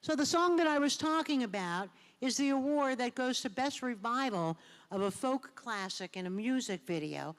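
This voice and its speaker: A woman's voice: a little high, lively intonation, moderate pace. A woman hosting an awards ceremony, announcing the winners in an easygoing way. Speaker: awards host. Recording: long reverb in a hall.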